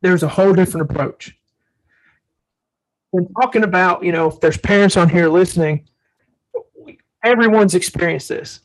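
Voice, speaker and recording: A man's voice: sits high, normal speed, pauses often, rough recording. A man co-hosting a faith-based parenting talk, speaking earnestly and telling stories from his own life as a father. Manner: earnest, storytelling, acts out quotes. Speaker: podcast co-host.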